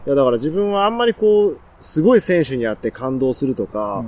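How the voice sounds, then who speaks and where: Relaxed man with a Kansai accent. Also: mid-range voice, brisk. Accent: Kansai Japanese. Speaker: podcast co-host. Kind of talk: casual chat.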